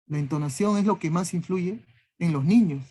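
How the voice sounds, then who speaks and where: A man's voice: high voice, normal speed, warm tone. A man teaching a class, listing ideas one word at a time and checking in with a questioning "¿no?" after nearly every phrase. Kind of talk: classroom lecture.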